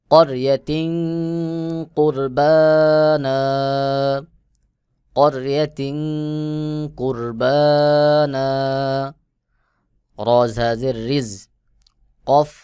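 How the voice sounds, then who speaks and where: A man with a Bangladeshi Bengali accent teaching Quran reading, spelling out letters slowly and chanting the words in long drawn-out tones. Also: medium pitch, clear, resonant tone, no room sound, studio quality. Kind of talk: slow spelled-out recitation lesson.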